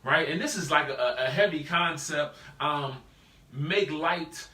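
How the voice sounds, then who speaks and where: Bright-voiced man teaching Bible study. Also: a little high, slow, echoey room, far from the mic. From United States. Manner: animated, peppers talk with rhetorical "right?"; casual, slangy preaching voice.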